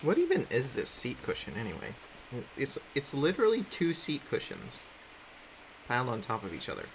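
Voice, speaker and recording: A man's voice: mid-range voice, wildly swooping pitch, moderate pace, slight background noise, poor audio. A man casually chatting on a livestream while drawing, reading chat aloud, rambling and laughing often. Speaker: artist streaming while drawing.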